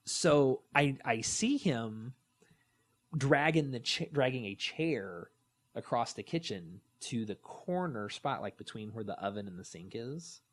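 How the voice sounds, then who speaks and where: At a measured pace and in a mid-range voice, a man in his thirties co-hosts a podcast. He chats casually, telling animated stories and performing the quoted lines.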